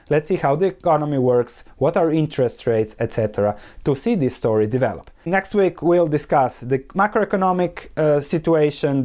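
A man's voice: on the high side, a little mellow. A man from Croatia hosts a solo investing podcast, talking analytically and posing rhetorical questions that he answers himself. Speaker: podcast host.

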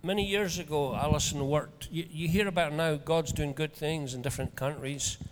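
Broad Scottish male preacher, slightly high voice. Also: steady tone, moderate pace, a little hiss or hum. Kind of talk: informal conversational sermon with storytelling.

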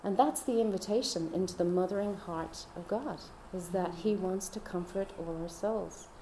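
In an echoey room with slight background noise, a woman shares her personal faith testimony in a chatty, easy manner, laughing often and dropping to soft whispers. Her slightly low voice is warm and mellow, at a moderate pace.

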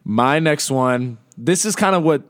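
A young man co-hosts a casual podcast and keeps the talk playful. His pitch jumps around a lot, with lively rises and dips. Now and then he slips into quick put-on voices for a joke. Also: smooth. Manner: joking, animated, breaks into quick put-on voices. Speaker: podcast co-host. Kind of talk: casual chat.

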